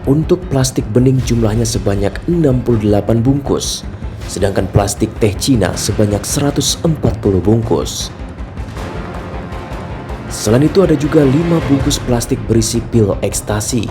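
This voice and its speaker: A man narrating an investigative news report in a measured, emphatic scripted delivery. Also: medium pitch, lively intonation. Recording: voice-over with music bed.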